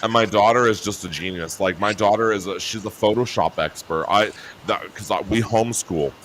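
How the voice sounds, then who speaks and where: A man with a very deep, low voice chats casually and fairly quickly as a talk show guest from his home in New Mexico. He laughs often and breaks into a high, shouty voice when mimicking himself. A faint hiss of background noise runs beneath the recording.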